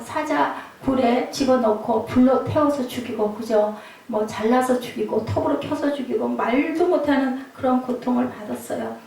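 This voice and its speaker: A woman preacher delivering a night-service sermon, often asking the congregation quick tag questions. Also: fairly high pitch, gravelly, dark tone, a little hiss or hum. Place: church sanctuary. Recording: very echoey hall, mic far off.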